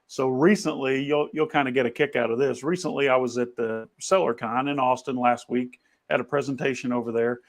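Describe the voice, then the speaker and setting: A man hosting a podcast over a video call, telling an animated anecdote full of restarts in a conversational way. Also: medium pitch, brisk, few pauses. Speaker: podcast host. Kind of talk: conversational storytelling. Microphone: video call camera.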